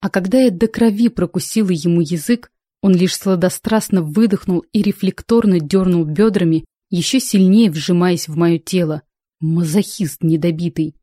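Warm-voiced woman reading a novel. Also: lowish voice, dry recording, studio quality. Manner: expressive storytelling. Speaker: audiobook narrator. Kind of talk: first-person fiction reading.

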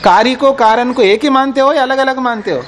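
Casual lecturing guy, high voice, keeps asking the class if they follow, pushes back firm. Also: fairly quick, a bit bright, slight background noise. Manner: explains patiently, quizzes listeners, firm and insistent. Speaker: teacher of philosophy.

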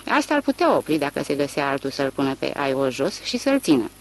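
An audiobook reader voicing a gruff rural man who talks in a rough, brusque way. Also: medium pitch, big pitch swings, rough recording.

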